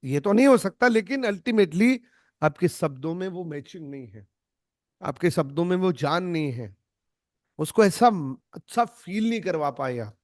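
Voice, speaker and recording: A man with a notably high voice coaches a group on an online call. He speaks emphatically and keeps re-voicing short example lines to demonstrate tone. The sound is close and dry, with no room. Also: big pitch swings, normal speed, no echo. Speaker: network marketing trainer. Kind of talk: online training session.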